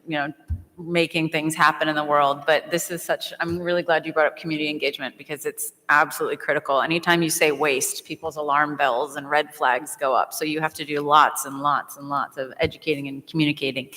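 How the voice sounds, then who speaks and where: A woman's voice: low voice, a bit bright. A woman moderating a panel in a casual, chatty way, her voice echoing around a large reverberant room. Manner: informal, chatty. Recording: echoey hall with long reverb.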